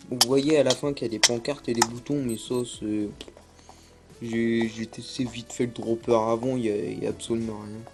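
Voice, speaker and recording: A young man chats over his gameplay, hesitant and full of fillers. His voice sits at an ordinary middle pitch. Soft music plays faintly underneath. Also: steady tone, moderate pace, vocal fry. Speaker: gaming YouTuber. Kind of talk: casual gameplay commentary.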